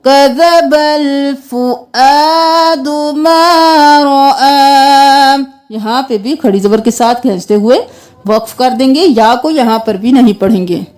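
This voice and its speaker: A woman teaching Quran recitation. She spells out each word for learners, then chants it slowly and draws out the vowels, and switches to quick explanation in between. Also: on the high side, warm tone.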